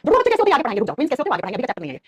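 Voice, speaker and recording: A woman teacher rattles through a live online biology class at great speed, her pitch swinging widely. Her voice sits a touch high with a slightly husky grain, and she scolds her students with affection. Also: rapid-fire. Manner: animated, scolding and affectionate, calls students "beta". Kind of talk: live online class answering chat comments.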